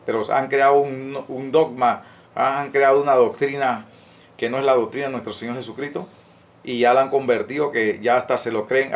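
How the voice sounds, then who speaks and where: A man giving an earnest, informal sermon, often stopping on fillers and restarts and asking his listeners rhetorical questions. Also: medium pitch. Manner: earnest, repetitive, many hesitant restarts and fillers. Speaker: lay preacher. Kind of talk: informal preaching to camera.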